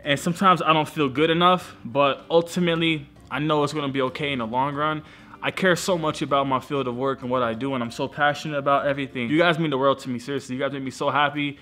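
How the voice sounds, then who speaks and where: A video creator in his twenties chats casually to camera in his living room, and later in phone clips, drunk and getting drunker. His fairly high voice is pushed and bright, steady in tone, and he talks fast, rambling loosely in slang.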